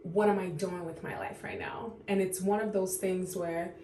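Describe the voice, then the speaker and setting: A woman in her thirties talks straight to camera in an unscripted confession, trying not to cry, halting and sighing often. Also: lowish voice, mellow, roomy sound, slight background noise. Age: 30s. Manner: tearful, halting, full of fillers and sighs. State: on the verge of tears. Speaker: vlogger.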